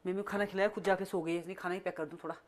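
Lady vlogging on her phone, rambly and chatty, lowish voice, bit of outdoor noise behind. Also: fairly even intonation, rapid-fire. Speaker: family vlogger. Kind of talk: casual vlog narration. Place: home and outdoors. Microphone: phone camera.

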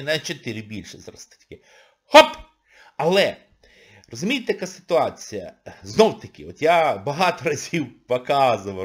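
A man's voice: mid-range voice, a bit bright, breathy edge. A man, an economist, giving a sarcastic, scolding video monologue full of exclamations.

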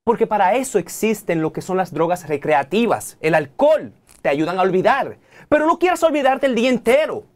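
A man in his thirties with a Dominican accent, a technology guest in a TV studio interview who talks in an animated, preachy way and keeps addressing the audience directly. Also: high-pitched, a little fast. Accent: Dominican Spanish. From Dominican Republic.

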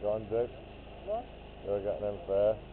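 A man's voice: fairly low pitch, flat delivery, normal speed, background noise. Man on old camcorder audio, tinny. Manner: cheery, encouraging. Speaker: amateur filming friends. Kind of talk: casual home video chat.

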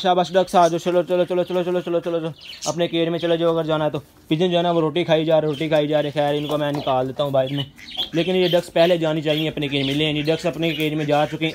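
A man, narrating a casual pet vlog outdoors and coaxing his birds with quick repeated calls. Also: on the high side, slight background noise. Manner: fast, chatty, coaxing animals with repeated calls. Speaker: pet vlogger. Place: outdoor yard with bird cages, aircraft passing overhead.

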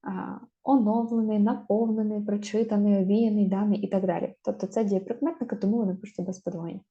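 A woman giving a spelling lesson, slowly drawing out each example word to stress it. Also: medium pitch, fairly even intonation, dark tone. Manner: slow, drawn-out stressing of example words. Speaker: teacher. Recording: dull lo-fi sound.

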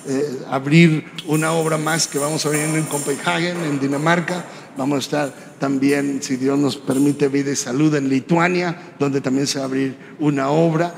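A man preaching a sermon, telling a personal story in a conversational way and often tagging his lines with a quick question. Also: on the high side, gravelly. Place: church hall. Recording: reverberant church hall, faint background noise.

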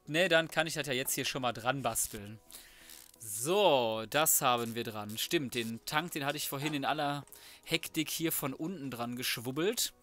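A let's play host with a slightly bright, higher-pitched male voice mutters to himself while working through tasks, giving casual, colloquial game commentary. Background noise and mouse clicks are clearly audible.

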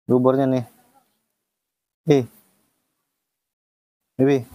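A man vlogging as he feeds and looks after a baby animal, talking gently and coaxing it with repeated phrases. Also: medium pitch, little pitch movement, drawn-out words, dry recording, muffled recording. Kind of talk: casual vlog narration.

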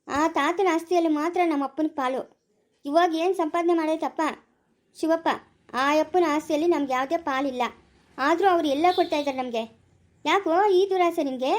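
A woman's voice: sits high, natural voice. A woman with a Chikkaballapura Kannada accent acting a quarrelsome village woman in a family drama. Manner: scolding, quick-tempered, sharp-tongued.

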